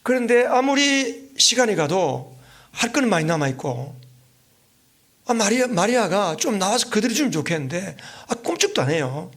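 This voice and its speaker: A man with a notably high voice delivers an evening worship sermon as a visiting pastor. He tells the story in a lively, vivid way and keeps asking the congregation rhetorical questions. Short thinking fillers break up his phrases. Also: normal speed. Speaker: guest pastor.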